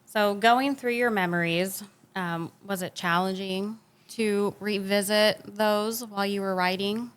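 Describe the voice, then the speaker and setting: A woman's voice: mid-range voice, steady tone, a little slow, clean tone. A woman hosting an interview, giving short, supportive, affirming replies and asking questions. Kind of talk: interview host.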